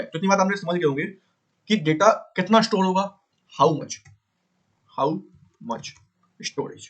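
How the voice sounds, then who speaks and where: A man teaching a beginner coding lesson in a casual way, repeating points and asking and answering his own questions, often pausing to fix his drawing. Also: fairly high pitch, a bit bright. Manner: frequent pauses to fix the drawing.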